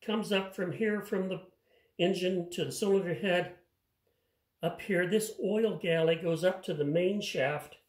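His voice sits high and his pace is measured: an older man walking through an engine rebuild in his home garage. The explanation is hands-on and practical, plainly worded, with repeated words as he works, and the garage adds echo.

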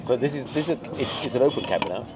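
Seated at an outdoor restaurant table by a stone wall, a middle-aged man who sells cigars hosts a relaxed lunch chat for the camera and repeats phrases to stress his points. He talks very fast in an expressive, mid-range voice. The recording is very noisy, with music playing behind him.

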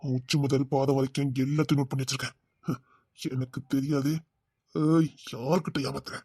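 Woman voicing a lovesick husband, husky and dry, for an audio drama; insistent, coaxing, possessive. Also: extremely low pitch, flat delivery, moderate pace, warm tone, no room sound, exaggerated voice. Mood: low, stubborn. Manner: pleading, insistent, swings between coaxing and threats. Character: possessive lovesick young husband, pleading and stubborn.

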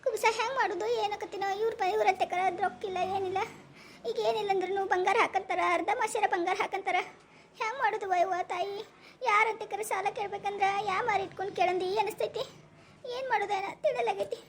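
A woman's voice: very high-pitched, steady tone, brisk, slight background noise. A woman with a North Karnataka Kannada accent playing a poor young village daughter-in-law who frets and deflects questions. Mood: worried. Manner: fretful, hesitant talk, deflecting questions. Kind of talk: village comedy skit acting.

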